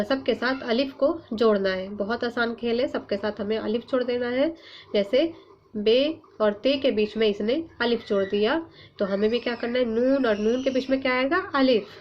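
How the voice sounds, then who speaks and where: A woman teacher talks to young children in a slightly high voice, moving at a very slow, deliberate pace. She stretches out each letter and word as she sounds it, then asks gentle questions to check that they follow. The recording is muffled and lo-fi, with a faint hum behind her. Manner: patient, coaxing questions to children. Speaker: Urdu teacher. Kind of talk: online class for young pupils.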